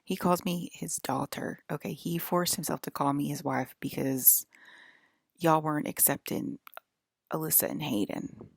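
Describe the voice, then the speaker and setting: Here the same kind of forties-aged female vlogger delivers a rambling direct-to-camera talk, scolding and defiant, tossing "okay?" and "right?" at her audience after nearly each point. Her voice is low, gravelly and slightly rough, unhurried, with fairly even intonation, captured in a dry, studio-quality recording.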